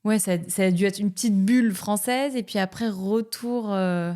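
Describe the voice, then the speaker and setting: A woman's voice: medium pitch, normal speed, dark tone. A woman from Paris hosting a podcast, asking questions hesitantly and piling several into one. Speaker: podcast host. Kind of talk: casual interview questions.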